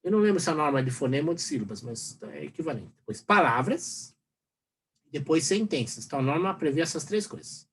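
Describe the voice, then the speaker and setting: Rambling Brazilian lecturer, lively pitch. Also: male voice, brisk, slight background noise. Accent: Brazilian Portuguese. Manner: rambling, full of fillers and tag questions. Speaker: university professor. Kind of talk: recorded lecture.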